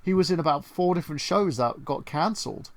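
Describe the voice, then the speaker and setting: A man taking part in a casual film chat, his voice gravelly with a lot of fry. He talks in a measured way, laying out his points one by one. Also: fairly high pitch, lively intonation. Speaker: co-host.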